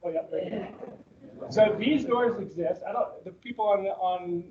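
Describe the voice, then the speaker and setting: A man's voice: high voice, moderate pace, background noise. A man presenting slides at a staff orientation on a video call, talking casually and rambling with fillers and restarts. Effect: heard through a video-call meeting recording. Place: meeting room with people present. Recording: dull lo-fi meeting-call audio.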